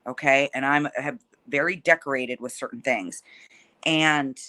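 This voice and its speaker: A woman's voice: a bass voice, unhurried, pushed and bright. A woman fighter talking casually in an interview, feisty, combative and blunt, swearing freely as she talks trash.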